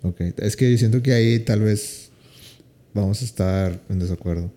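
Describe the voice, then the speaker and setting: A man in relaxed casual conversation, calmly asking questions and debating. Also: fairly low pitch, moderate pace. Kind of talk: casual chat.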